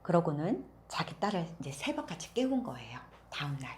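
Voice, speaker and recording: A woman telling a fairy tale to children, gently, with fillers and questions for her listeners. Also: deep voice, very animated, a little fast, a little hiss or hum. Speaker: storyteller. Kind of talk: children's story reading.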